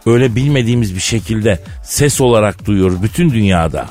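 A man's voice: on the low side, lively intonation, fairly quick, darkish tone, faint music behind. A man hosting a comic radio show, teasing his partner with a mock-serious tale in a studio. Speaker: radio comedy host.

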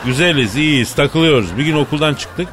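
A man hosting a comedy radio show, telling a story in a theatrical, slangy way that swings between mock sorrow and excitement. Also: on the high side, brisk, noisy background. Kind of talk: comic storytelling in a radio sketch.

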